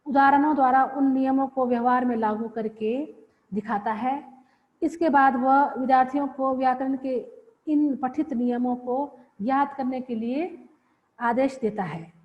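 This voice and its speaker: A woman giving a classroom lecture, explaining slowly and repeating phrases with pauses. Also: sits high, steady tone. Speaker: teacher. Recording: dull lo-fi audio with long reverb.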